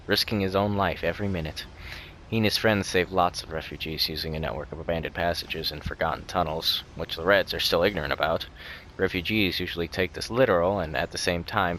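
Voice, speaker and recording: This gaming channel host is a young man with a deep, slightly bright voice, heard against game music and some background noise. He meanders and jokes through a casual let's-play, often fixing what he just said.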